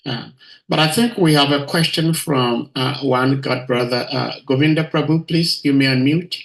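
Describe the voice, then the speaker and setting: A man's voice: medium pitch, normal speed, vocal fry, fairly bright tone, rough recording. A man from Ghana politely and hesitantly moderating questions in an online talk.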